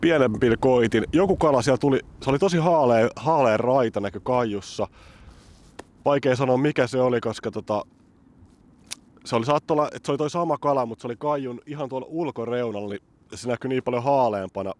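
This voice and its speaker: Speaking at a medium pitch, a man from Helsinki, Finland, gives casual vlog narration while fishing on a frozen city lake. He comes across as excitable and talkative as he explains his technique.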